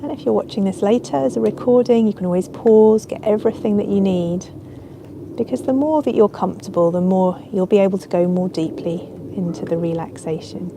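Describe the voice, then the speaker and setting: Guiding relaxation as a yoga nidra teacher, she keeps her mid-range voice gentle, soothing and unhurried. Ambient sound and background noise fill the space around her.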